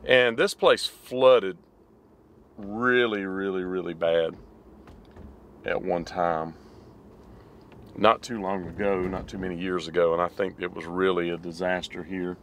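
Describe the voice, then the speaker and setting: A man's voice: low voice, measured pace, pauses often, slight background noise. A man, reminiscing in casual chat and then narrating while driving. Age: 50s. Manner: relaxed, reminiscing. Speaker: vlog host. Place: living room, then a car.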